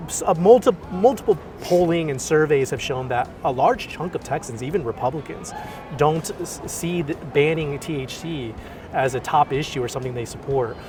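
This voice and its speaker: A man's voice: fairly high pitch, moderate pace, music in the background. A man interviewing in a casual, informal and loosely phrased way.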